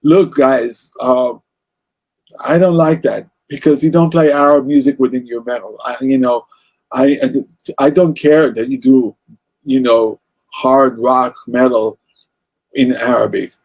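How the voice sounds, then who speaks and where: A man's voice: medium pitch, steady tone, measured pace, darkish tone. A man with an Israeli accent, speaking as an interview guest about music in a passionate, rambling way with many restarts. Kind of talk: casual interview conversation.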